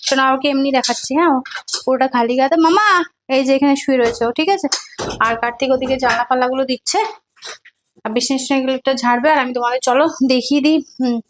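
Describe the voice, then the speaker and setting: A woman's voice: sits high, steady tone, very fast, slight background noise. A young woman, chatting casually to viewers in a home vlog, often cooing at her child. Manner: chatty, talks baby-talk to her child. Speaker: vlogger. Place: home indoors.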